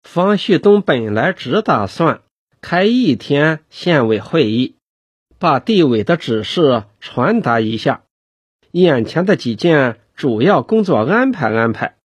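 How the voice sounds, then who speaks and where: A man narrating a novel chapter as an audiobook, telling it slowly and expressively. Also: a little high, sing-song, husky, dry recording.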